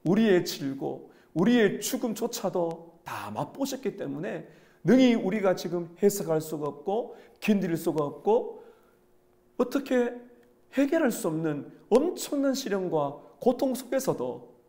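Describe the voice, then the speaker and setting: A male pastor preaches earnestly, his fairly high voice gravelly with fry and mellow in tone. He keeps turning to his listeners with rhetorical questions. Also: big pitch swings, unhurried. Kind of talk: sermon.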